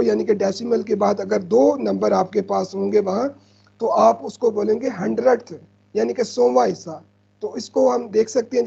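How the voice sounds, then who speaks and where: Gravelly, husky male math teacher. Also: extremely high pitch, mellow, lo-fi sound. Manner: patient, repeats "ठीक है" often, mixes in English terms. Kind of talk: explaining over slides.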